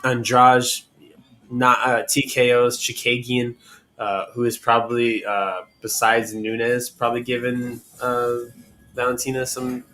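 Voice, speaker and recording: A man hosting a podcast, talking through fights casually with lots of pauses and "I mean". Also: medium pitch, flat delivery, bright, forceful tone, soft background music, rough recording. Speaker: podcast host.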